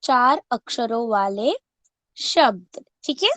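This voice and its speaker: Sounding out each word one syllable at a time, slowly and clearly, a woman teaches first graders online and then supplies the answers to her own questions. She speaks on the high side, animated, pushed and bright, and there's no room sound.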